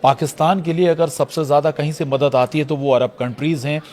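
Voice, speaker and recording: Male news anchor with a lively probing voice. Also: fairly high pitch, a little fast. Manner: probing, with many short listening cues. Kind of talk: studio news discussion.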